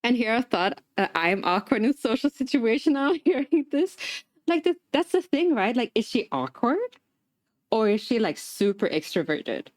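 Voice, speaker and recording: A woman's voice: fairly high pitch, very animated, moderate pace, no room sound, clean studio sound. A young adult woman livestreaming, telling a story in a rambling casual chat with lots of fillers while assembling a craft. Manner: chatty, rambling, many fillers, laughs often.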